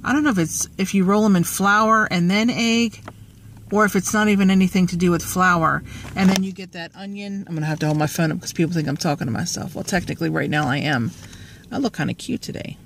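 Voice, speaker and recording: A woman's voice: lowish voice, fast, a little hiss or hum. A woman, chatting in a rambling, joking way with lots of fillers, talking to her phone at arm's length in a parked car. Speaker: vlogger. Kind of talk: rambling casual vlog. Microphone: phone held at arm's length.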